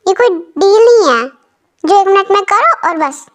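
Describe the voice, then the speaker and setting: A woman's voice: very high voice, lively intonation, unhurried. A woman voicing a possessive young male mafia boss, talking in a blunt, commanding way.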